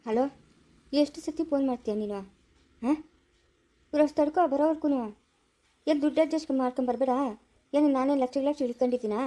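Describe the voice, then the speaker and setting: An exasperated young man, voiced by a woman, speaks fast in a rather high, mellow voice. He sounds fed up and dismissive in this family cartoon. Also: lightly acted. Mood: irritated. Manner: annoyed, dismissive. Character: irritated young man on the phone. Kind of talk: cartoon voice acting.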